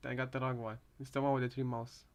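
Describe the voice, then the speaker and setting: Talking fast into a headset, this medium-pitched man keeps his voice fairly flat as he chats on a live reaction stream. He's hesitant and rambling, often saying the same phrases again.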